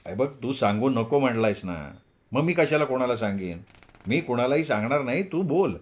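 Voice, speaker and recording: A man's voice: medium pitch, lively intonation, normal speed, lightly acted. A man reading a novel aloud, voicing an impatient, teasing young male student close to his own voice.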